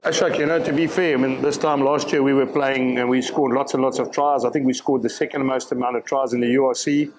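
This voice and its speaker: Measured rugby coach. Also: male voice, mid-range voice, steady tone, poor audio. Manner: measured, repeats words while thinking. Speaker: rugby director of rugby. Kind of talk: post-match press conference answers.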